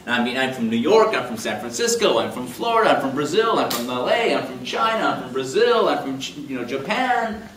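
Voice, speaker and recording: A lively male chiropractor in his fifties teaches a live class in a meeting room with a projector screen, animated and jokey, using big hand gestures and quoted voices. His mid-range voice is brisk, picked up by a far camera in the roomy hall with a faint hum.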